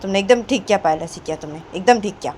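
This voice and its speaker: A woman voicing a quick-tempered older woman who scolds loudly and fires off repeated questions. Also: medium pitch, slight background noise, lightly acted. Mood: scolding. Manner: loud, hectoring, repeats questions.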